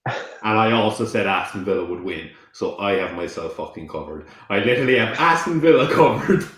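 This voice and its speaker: A young man co-hosting a podcast, chatting casually over a live football match, excitable, laughing and swearing freely. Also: on the low side, brisk, slight background noise. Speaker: podcast co-host. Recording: roomy echo.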